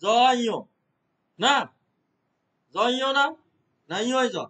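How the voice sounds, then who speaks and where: High-voiced man teaching a computer lesson. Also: animated, slow pace, bright, forceful tone, rough recording. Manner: explains step by step, checks understanding with repeated questions. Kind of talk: classroom lesson.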